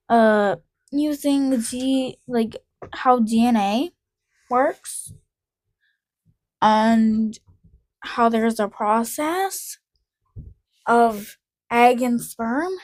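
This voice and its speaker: A woman's voice: on the high side, lively intonation, very slow, long pauses, dry recording. A woman co-hosting a casual podcast, reading notes aloud, tripping over names and adding wry asides. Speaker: podcast co-host.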